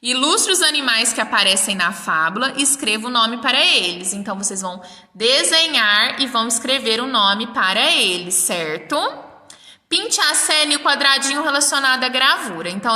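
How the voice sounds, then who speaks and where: A woman's voice: on the high side, animated, normal speed, sharp tone. A woman teaching a primary school class remotely, speaking in Brazilian Portuguese, patiently sounding out and counting words for young children. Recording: roomy echo, mic at a distance.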